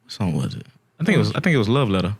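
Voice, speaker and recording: A man co-hosting a podcast in a studio, playful and quick, often repeating himself in casual chat. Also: fairly low pitch, huge pitch swings, creaky, husky. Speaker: podcast co-host.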